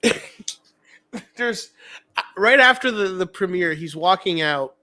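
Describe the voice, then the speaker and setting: A man co-hosting a film podcast in casual chat, excitable and laughing between points. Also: high voice, slow.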